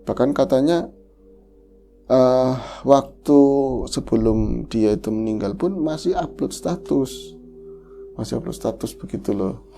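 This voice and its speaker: A man's voice: mid-range voice, measured pace, vocal fry, long pauses, warm tone, faint music behind. A man hosting a horror podcast, emotionally retelling a listener's tragic story in the first person.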